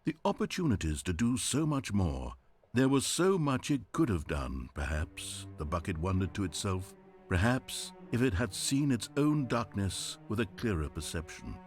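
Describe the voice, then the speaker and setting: A man's voice: lowish voice, sing-song, normal speed. A man voicing a wry, teasing narrator in a video game, in scripted narration. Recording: guitar music playing behind.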